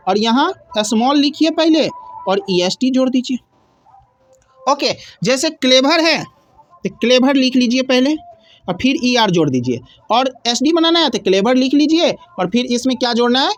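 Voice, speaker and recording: A woman teaching a grammar lesson, explaining step by step and asking and answering her own questions. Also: sits high.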